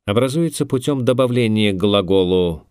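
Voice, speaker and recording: Deep-voiced man narrating a language lesson. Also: lively intonation, a little mellow, smooth, no echo, clean studio sound. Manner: measured, instructive delivery. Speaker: language instructor.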